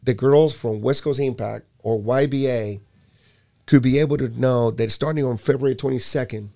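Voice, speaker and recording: A man's voice: medium pitch, normal speed, gravelly. Emphatic man from Puerto Rico. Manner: animated, emphatic, repeats words when restarting. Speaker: youth basketball program director. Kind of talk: casual conversation.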